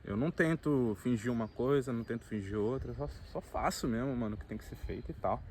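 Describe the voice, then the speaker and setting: A man's voice: medium pitch, quick pace, a little mellow. Laid-back Brazilian man, noisy outdoors. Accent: Brazilian Portuguese. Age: late 20s. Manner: laid-back slangy talk, frequent filler tags. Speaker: vlogger. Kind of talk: casual reflective monologue. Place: outdoors at a campsite.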